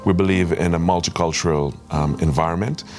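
A man's voice: deep voice, steady tone, a little fast, a little mellow, faint music behind. A man from Trinidad and Tobago, a pastor giving an earnest testimony and exhortation. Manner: earnest, emphatic preaching cadence.

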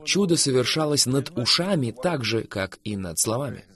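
An emphatic, fervent man speaks in a preaching conversation, his lively voice surging into loud bursts, then easing into soft, drawn-out phrasing.

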